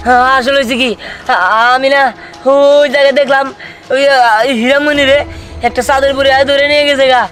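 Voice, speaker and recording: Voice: high-pitched, little pitch movement, brisk, fairly bright tone, faint music behind. A performer playing an anxious, protective village boy in a drama, stammering and pleading urgently with a rural Bangladeshi accent. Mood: alarmed.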